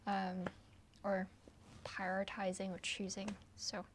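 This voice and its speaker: A woman pianist from Hong Kong chats through a casual livestream Q&A at home, her voice sitting at an ordinary middle pitch. She talks loosely, trailing off with ums and little laughs. A faint room hum sits behind her. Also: slow pace. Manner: chatty and relaxed, trailing off with frequent ums and soft laughs. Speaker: pianist hosting a patron livestream. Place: her apartment, at home with her piano.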